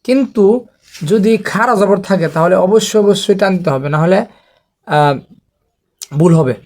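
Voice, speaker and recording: Male teacher, higher voice, patient, methodical recitation drills. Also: expressive, darkish tone. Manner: slow, patient, repeats letter drills. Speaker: Quran reading teacher. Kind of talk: online recitation lesson.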